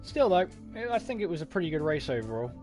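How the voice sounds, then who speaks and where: A man's voice: fairly high pitch, sing-song, quick pace, a little mellow, soft background music. A man co-hosting a casual post-race livestream chat, asking drivers easygoing questions.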